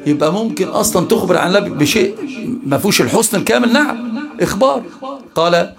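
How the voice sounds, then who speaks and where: A man with an Egyptian Arabic accent, a sheikh teaching a religious study lesson and quizzing his listeners with rhetorical questions. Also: a little high. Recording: live class with audience noise.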